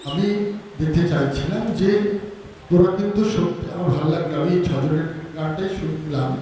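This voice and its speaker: High-voiced man teaching in an echoey hall. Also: fairly quick, mellow, far from the mic, a little hiss or hum. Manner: explains word by word, breaks into singing to show pronunciation. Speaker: workshop teacher. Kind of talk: teaching talk to students, with sung examples.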